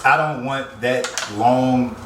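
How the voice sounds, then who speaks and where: A man's voice: medium pitch, steady tone, slow pace, a bit bright. An American man in casual, slangy conversation, agreeable and often repeating his phrases. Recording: echoey, noisy room, distant mic.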